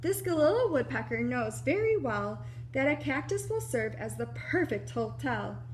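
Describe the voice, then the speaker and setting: A woman with a high voice reads a picture book to children in a preschool-teacher manner, lively and explanatory with small asides to her young audience. She keeps a moderate pace over soft background music.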